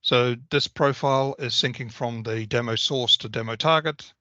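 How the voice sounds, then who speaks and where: A man presenting a technical software walkthrough on a video call, talking through each option in a methodical, explanatory way. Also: medium pitch, moderate pace, no room sound. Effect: video call audio. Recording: slightly dull video call audio.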